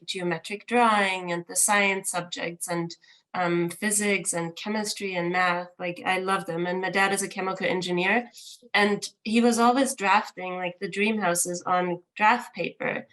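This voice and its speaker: A woman's voice: mid-range voice, a bit bright, poor audio. A woman in her thirties from Austria, speaking as an architect in a conversational interview. She tells her story with animation and leans on "like" and "um". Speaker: architect, studio co-founder.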